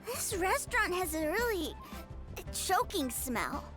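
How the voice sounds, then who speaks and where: A woman's voice: very high-pitched, sing-song, takes it slowly, exaggerated voice. A woman voicing an innocent, frank, fussy little rich boy in a video game, with a childlike voice. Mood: fussy, doubtful. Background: game music.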